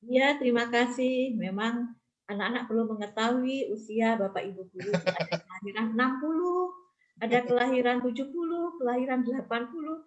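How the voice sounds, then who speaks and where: A woman's voice: fairly high pitch, a little fast, muffled recording. A woman teacher explaining the school's plans to students on a video call, with fillers. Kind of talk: online school forum reply.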